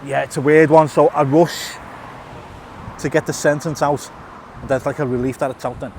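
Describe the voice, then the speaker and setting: This casual walk-and-talk vlog features a middle-aged YouTuber outdoors in a town by a tunnel, speaking at a moderate pace in a fairly high, steady, slightly mellow voice. A little hiss or hum is present. He has a lisp, stutters, repeats and restarts words, and uses fillers.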